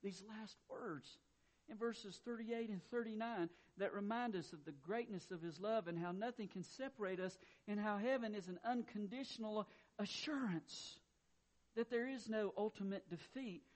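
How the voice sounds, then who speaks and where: A man preaching a sermon, reading quietly and then building to loud, emphatic exclamations with repeated words. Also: high voice, moderate pace. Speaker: pastor.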